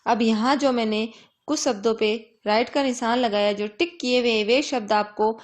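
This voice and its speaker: A woman teacher giving a grammar lesson to young children, reading worksheet items aloud slowly and patiently, and asking questions that she then answers herself. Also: on the high side. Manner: reads worksheet items aloud in a steady, measured way.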